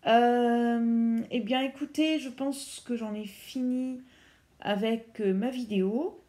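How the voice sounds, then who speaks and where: A woman's voice: on the high side, steady tone, slow pace, mellow. A woman casually walking viewers through phone settings, hesitant and full of fillers and self-corrections. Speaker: YouTuber presenting phone accessibility settings. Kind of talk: casual tutorial walkthrough.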